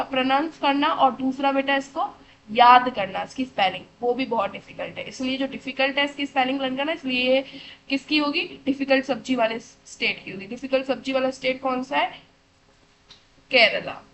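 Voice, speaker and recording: A woman's voice: sits high, fairly bright tone, slight background noise, rough recording. A woman teaching children, asking questions and answering them herself, addressing them fondly and checking they follow. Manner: calls listeners beta, keeps checking with "theek hai". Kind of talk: classroom lesson for children.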